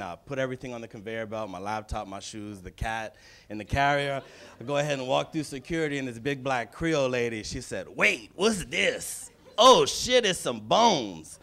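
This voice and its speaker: A man performs stand-up on a club stage, speaking into a handheld mic. His voice sits in a middle register, and he tells his stories in a brash, punchy way. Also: medium pitch. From Louisiana, USA. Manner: brash, storytelling, punchy asides. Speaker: stand-up comedian. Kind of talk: stand-up comedy set.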